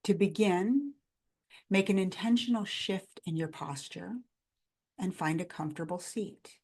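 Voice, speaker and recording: This meditation guide leads a body scan in a calm, gentle, instructive way, pausing between carefully measured phrases. Her voice is on the low side and slightly rough.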